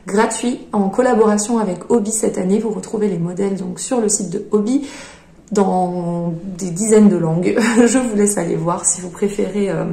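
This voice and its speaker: Woman, knitting vlog host, casual chat, gravelly, echoey room. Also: medium pitch, warm tone. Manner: chatty, hesitant with many fillers. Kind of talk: casual show-and-tell chat.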